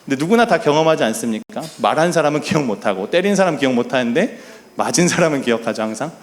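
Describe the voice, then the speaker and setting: A middle-aged man preaches a sermon in an earnest, storytelling way. His pitch is medium, and his voice rises and falls a great deal. He acts out quoted lines softly as he talks. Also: animated, fast. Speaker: pastor.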